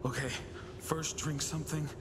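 A man's voice: a little high, level tone, moderate pace, a little hiss or hum, close to an everyday voice. An actor playing a worried young man stranded in snowy wilderness in a video game.

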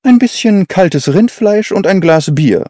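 A man plays Sherlock Holmes, a brisk and eager detective. He speaks with lively rises and falls and asks pointed questions. His tone is mellow, recorded dry and close. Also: high voice, no echo, voice pushed up.

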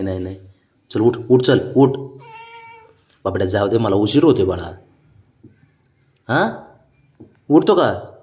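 Cat owner, man, coaxing baby talk at mid pitch, casual home vlog. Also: darkish tone, slightly rough. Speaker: cat owner filming his pet.

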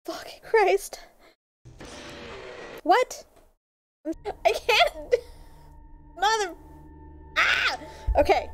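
A woman's voice: very high voice, animated, drawn-out words, long pauses, faint music behind. Jumpy swearing woman gaming streamer. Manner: swearing, jumpy, laughing, yelling at the game. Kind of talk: horror game playthrough commentary.

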